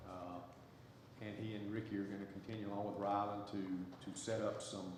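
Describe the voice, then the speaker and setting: Blunt, halting man at council. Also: fairly low pitch, little pitch movement. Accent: Southern US. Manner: blunt, defiant, halting with many fillers. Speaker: council member. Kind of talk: council debate remarks. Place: city council chamber. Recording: echoey council chamber, faint noise.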